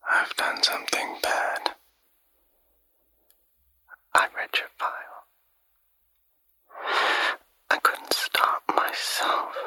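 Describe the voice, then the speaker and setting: An actress playing a secretive woman who whispers urgent warnings to someone held captive, in a hushed, careful voice. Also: extremely slow, long pauses, no room sound, heavily acted.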